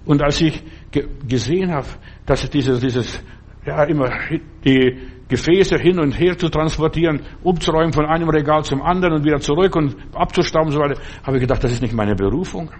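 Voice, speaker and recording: A man's voice: on the high side, brisk, slightly rough. A middle-aged man preaching a sermon, earnest and full of rhetorical questions.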